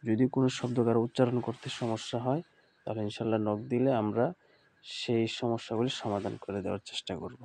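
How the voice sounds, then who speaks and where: A man gives an online Quran reading lesson in a mellow, dark voice of middling pitch. He patiently sounds out each syllable one at a time. He speaks to his students as a group. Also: level tone, fast, vocal fry. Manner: uses pious phrases, addresses students as a group.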